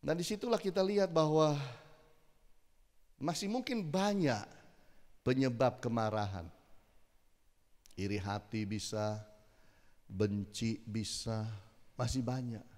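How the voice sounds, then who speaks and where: A middle-aged male pastor preaching a sermon in an animated, conversational way, acting out little exchanges. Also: medium pitch, slow pace, pauses often. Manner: animated, conversational, acts out quotes. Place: church hall. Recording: long church hall reverb.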